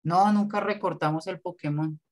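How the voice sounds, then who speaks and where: A man's voice: high voice, steady tone, moderate pace. A man, a design teacher giving blunt, corrective feedback on a student's work in class.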